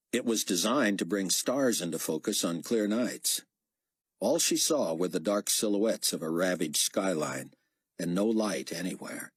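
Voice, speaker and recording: A male narrator reads an audiobook in a low, husky voice. His intonation rises and falls with a lot of movement, and the sound is dry and close to the mic. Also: dry recording. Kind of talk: scripted narration.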